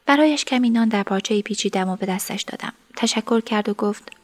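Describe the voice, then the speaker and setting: Soft-voiced woman narrating a story. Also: medium pitch. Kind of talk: first-person scripted narration.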